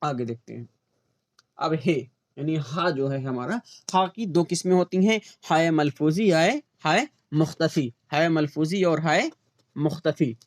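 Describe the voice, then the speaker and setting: A man with an Urdu-inflected Hindustani accent teaches an online grammar lesson for a teacher exam, posing questions and answering them himself while repeating example words slowly. His voice is on the high side, and the recording is dry.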